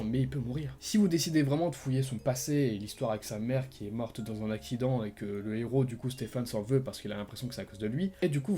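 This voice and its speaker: A man retelling the endings of an interactive film in a casual, animated way, full of fillers and sound words like "bam". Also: medium pitch. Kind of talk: casual explainer narration.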